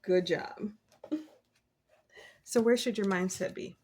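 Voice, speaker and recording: A woman giving a casual, encouraging tarot reading from her desk, chatty and quick to laugh. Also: medium pitch, background noise. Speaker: tarot reader.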